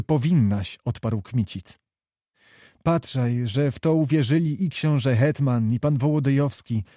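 A man's voice: fairly high pitch, warm tone, dry recording, studio quality. A man voicing a fiery young knight who pleads earnestly and passionately. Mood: impassioned.

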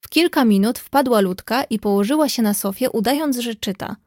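A woman narrating a classic novel in an even, clear storytelling manner into a close mic. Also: on the high side, brisk, no room sound. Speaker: audiobook reader.

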